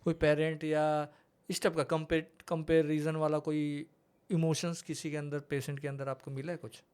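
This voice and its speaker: A man's voice: fairly high pitch, little pitch movement, moderate pace, a little mellow, clear, resonant tone. A man, hosting a podcast, asking questions and nodding along with short acknowledgements. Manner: attentive, frequent short acknowledgements, personal examples. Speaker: podcast host. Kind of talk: interview questioning.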